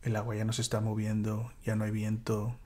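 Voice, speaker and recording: A man leading a church small-group Bible study, speaking reflectively with fillers and dropping into a whisper for calm moments. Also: lowish voice, brisk. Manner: reflective, with many fillers and soft whispered asides.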